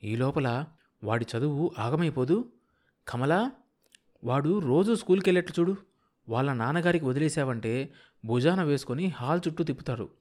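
A man voicing a sharp-tongued, scheming middle-aged wife who scolds her husband. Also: fairly high pitch, lively intonation, moderate pace, long pauses, natural voice. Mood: scolding. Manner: bossy, impatient, scolding.

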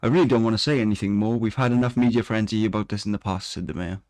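A man's voice: lowish voice, very fast, darkish tone, dry recording. A man co-hosting a casual podcast, reading odd news stories aloud with dry asides and frequent laughter. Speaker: podcast co-host.

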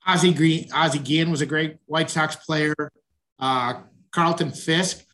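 A man's voice: a little high, steady tone, a little slow, fairly bright tone. A man from the Chicago suburbs, a coach guest in a casual interview, hesitant and friendly, with many restarts. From Chicago northwest suburbs. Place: at home, video call.

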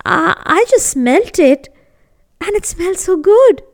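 A poor, hungry villager who stammers as he pleads, as a woman storyteller voices him. The voice sits high and moves a lot. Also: lively intonation, measured pace, heavily acted. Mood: pleading.

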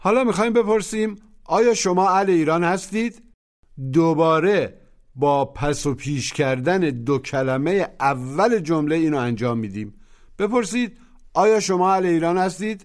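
A man narrating a taped language lesson in a didactic, coaching way. His voice sits somewhat high for a man. He prompts listeners to repeat phrases aloud. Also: expressive. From Iran. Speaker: language teacher.

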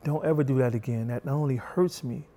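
A middle-aged man appears as a guest on an interview show, speaking softly and gently at a slow, even cadence in a mid-range voice.

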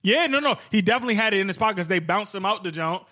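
A man's voice: sits high, lively intonation, very fast, sharp tone. A young man co-hosting a casual podcast, telling stories in loose slang and laughing often. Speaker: podcast co-host. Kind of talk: casual chat.

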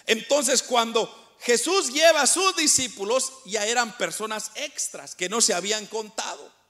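A man's voice: very high voice, unhurried, pushed and bright. A middle-aged male preacher delivering a sermon, speaking to the congregation as brothers with rhetorical questions and repeated words.

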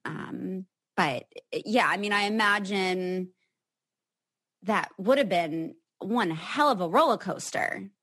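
A woman's voice: medium pitch, slow pace, a bit bright. A woman in her twenties hosting a casual interview podcast, asking meandering questions and affirming her guest often. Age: 20s. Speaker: podcast host.

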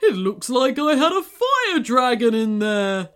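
A woman's voice: a little high, very animated, a little slow, fairly bright tone, faint music behind, pitched above the performer's own voice. A woman voicing a huge, grumpy, miserable volcano with a stomachache, in a storybook reading. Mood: relieved. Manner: grumbling, miserable, sighing.

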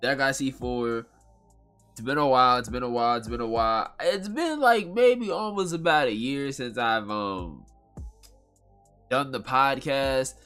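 Stuffed-up nasal whiny guy rambling on his podcast, bright sharp voice, slangy, faint music behind. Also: mid-range voice, animated, a little slow, clear, resonant tone. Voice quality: nasal, congested whine. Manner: rambling, slangy, repeats phrases for emphasis. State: congested from allergies. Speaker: podcast host. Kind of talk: casual solo podcast chat.

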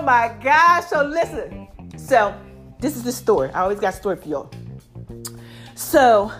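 Animated high-pitched American woman, hyped up. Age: 40s. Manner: hype, emphatic, repeats catchphrases and checks in with "okay?". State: voice a little affected by allergies. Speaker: online motivational host selling her own fitness line. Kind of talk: casual direct-to-audience monologue.

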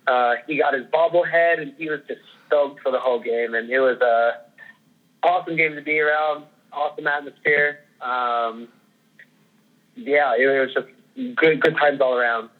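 A man's voice: mid-range voice, steady tone, moderate pace. A man co-hosting a sports podcast over the phone, easygoing and upbeat with filler ums. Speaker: podcast co-host. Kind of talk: casual sports podcast chat. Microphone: phone call. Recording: tinny phone line.

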